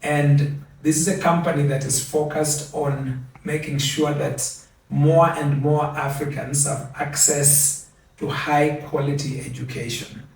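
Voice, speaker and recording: A man's voice: fairly high pitch, steady tone, vocal fry, slight background noise. Earnest older Kenyan-born man, echoey hall. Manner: measured, earnest, repeats words for emphasis. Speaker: award recipient giving acceptance speech. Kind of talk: formal speech. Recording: very echoey, from a distance.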